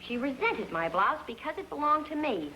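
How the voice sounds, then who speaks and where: An actress playing a melodramatic, self-admiring young college student who talks in theatrical, exaggerated alarm, in 1950s sitcom style. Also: female voice, high voice, sing-song, moderate pace, very noisy. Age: young adult. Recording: old TV soundtrack, studio audience laughter.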